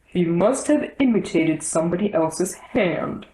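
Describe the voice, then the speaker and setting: Woman playing a pompous old king, storybook character, grave, slow, deliberate, slow-witted, roomy echo. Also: fairly low pitch, expressive, warm tone. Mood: musing.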